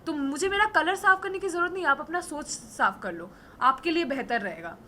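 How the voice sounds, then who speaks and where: A hoarse young woman in her twenties, an influencer and model, talking defiantly and emphatically in an interview. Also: sits high, lively intonation, brisk, pushed and bright, a little hiss or hum. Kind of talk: casual interview talk.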